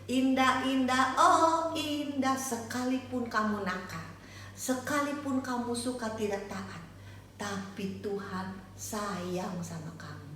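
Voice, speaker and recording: Animated older woman telling a Bible story. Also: mid-range voice, takes it slowly, a little hiss or hum. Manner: animated, questions the children, sings snippets. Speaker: Sunday school teacher. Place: church hall. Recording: echoey church hall, from far off.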